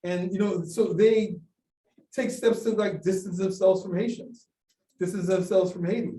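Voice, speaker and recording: In an academic Q&A session, a male guest speaker with a high, mellow voice gives a talk and fields audience questions at a normal pace. His intonation stays fairly even, but he hesitates a lot, restarting often and using many fillers. The lecture room echoes, and he's recorded from a distance.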